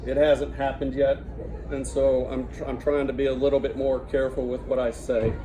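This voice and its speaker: A middle-aged man giving an informal father of the bride speech, halting and conversational, with a joking delivery. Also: medium pitch, level tone. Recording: noisy room with loud audience chatter and laughter.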